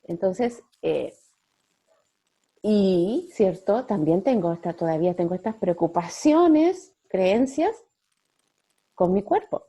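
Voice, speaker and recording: A middle-aged woman giving a gentle spiritual talk to a group, often checking in with her listeners. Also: medium pitch, lively intonation. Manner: gentle, slow, with frequent "¿ya?" checks.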